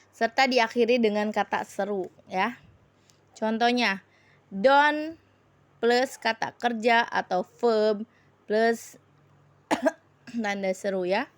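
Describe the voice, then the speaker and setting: Slow Indonesian woman teaching English. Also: fairly high pitch, no room sound. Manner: slow, explains in Indonesian and repeats English examples, rising on "please". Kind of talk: recorded online grammar lesson.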